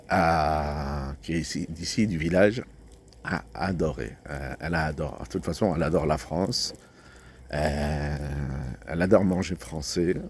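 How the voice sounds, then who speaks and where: Middle-aged man, very deep and slow, halting casual vlog chat outdoors, lots of ums and restarts. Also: darkish tone, a little hiss or hum. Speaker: vlogger. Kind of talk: casual rambling vlog talk. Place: outdoors by a road.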